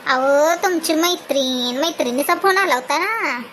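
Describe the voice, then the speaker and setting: A woman's voice: high voice, a little slow, fairly bright tone, a little hiss or hum. A woman playing a suspicious, dramatic wife in a comic skit, nagging and accusing. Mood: nosy.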